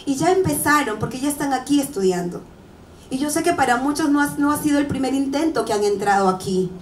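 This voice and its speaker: A woman in her thirties gives a motivational talk to students, lively and joking, tossing out rhetorical questions. Her voice sits a little high. It comes across from some distance in a roomy, echoey hall, with faint room ambience behind. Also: slight background noise. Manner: lively, conversational, asks rhetorical questions and jokes with the audience. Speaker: motivational speaker. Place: large hall or auditorium. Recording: echoey hall, mic far off.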